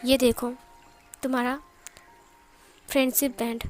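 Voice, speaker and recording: A woman voicing a devoted young man who pleads softly with his beloved in a read-aloud story. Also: a little high, level tone, unhurried, faint music behind, close to an everyday voice. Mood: tender.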